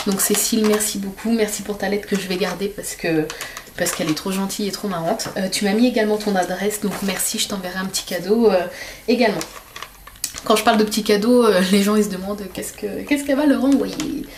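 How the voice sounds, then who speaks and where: A woman's voice: medium pitch, fairly quick, noisy background. A woman chatting casually to her camera as a vlogger, with many fillers and restarts. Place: home workshop.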